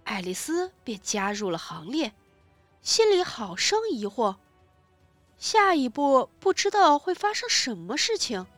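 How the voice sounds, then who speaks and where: Slow, expressive woman reading a storybook. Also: high voice, no room sound, faint music behind. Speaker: narrator.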